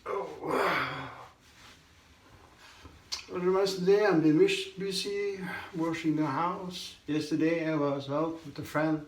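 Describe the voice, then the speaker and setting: This hoarse shaving vlogger's voice sits on the high side and stays steady in tone, though his casual chat while shaving is slow, halting and full of throat clearing. A camera on the counter at arm's length records him in a small tiled indoor bathroom, with echo and faint noise.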